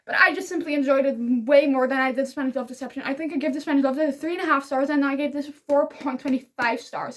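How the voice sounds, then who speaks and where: A young Dutch-speaking woman with a notably high voice hosts a relaxed book review vlog. She recommends books casually and enthusiastically, rambling and giggling along the way.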